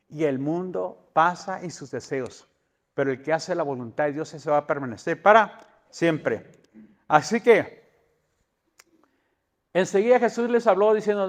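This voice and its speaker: A man preaching a sermon as pastor, asking the congregation questions and building emphasis. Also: fairly high pitch. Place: church hall. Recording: long church hall reverb.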